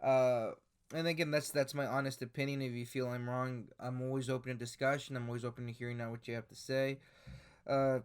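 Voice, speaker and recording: Flat and brisk, this twentysomething man's medium-pitched voice has a clean tone as he gives casual YouTube commentary on screenshots and articles. He hesitates a lot, using many fillers and restarting often.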